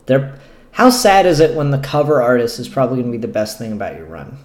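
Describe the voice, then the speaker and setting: A man who reviews comic books hosts a casual, unscripted vlog, rambling candidly and dropping the odd swear word. His mid-range voice is expressive and quick-paced, and the room sounds echoey.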